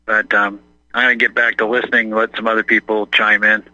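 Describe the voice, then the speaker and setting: A man's voice: fairly low pitch, flat delivery, a little fast, sharp tone, dry recording. Joking man calling in on a muffled line. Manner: joking, rambling with fillers. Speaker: caller. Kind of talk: casual call-in chat. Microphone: phone line.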